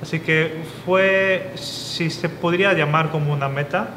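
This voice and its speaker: A young man from South Korea, the guest in a sit-down interview, who speaks thoughtfully and restarts his sentences often. His voice sits a little high. The room is echoey with long reverb, and a low hum runs behind him. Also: fairly even intonation, measured pace, pushed and bright. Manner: thoughtful, with frequent restarts and fillers. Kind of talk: casual interview. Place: studio with dark curtain backdrop.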